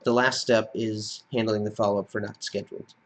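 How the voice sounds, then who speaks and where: A man with a fairly low, flat voice talks at a fairly quick clip, narrating a software screencast step by step. He's the instructor, and his explanations are plain-spoken and clear.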